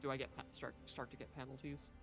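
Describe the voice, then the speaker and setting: A player narrating their character's actions in a tabletop game, in a measured, descriptive way. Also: medium pitch, little pitch movement, vocal fry, music in the background.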